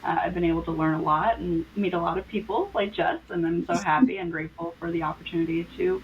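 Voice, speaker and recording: Low-voiced woman on a muffled video call. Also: fairly even intonation, fast talker. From born in Croatia, raised in the US Midwest. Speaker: guest, organizational consultant. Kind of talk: interview answers.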